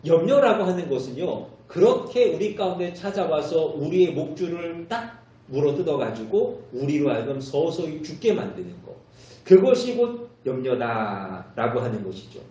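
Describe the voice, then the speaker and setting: Man preaching in an echoey church. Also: on the high side. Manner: expressive storytelling delivery. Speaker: pastor. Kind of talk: sermon. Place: church sanctuary. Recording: very echoey church hall, mic far off.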